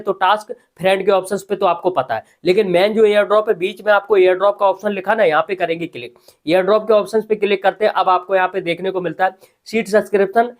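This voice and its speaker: A man, talking casually as host of a tutorial voice-over, often adding "ठीक है". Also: sits high. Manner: conversational, repeats filler "ठीक है". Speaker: crypto news host. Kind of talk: screen-recorded tutorial voice-over.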